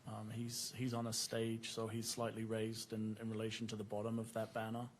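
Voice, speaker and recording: A man gives formal testimony under cross-examination in a courtroom. His fairly low voice is strikingly monotone, with measured, factual phrasing. The recording carries some noise. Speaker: witness, former police officer.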